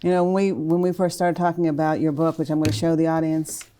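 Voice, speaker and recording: A woman hosting a podcast interview, asking sympathetic questions with soft interjections. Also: deep voice, level tone, quick pace. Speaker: podcast host.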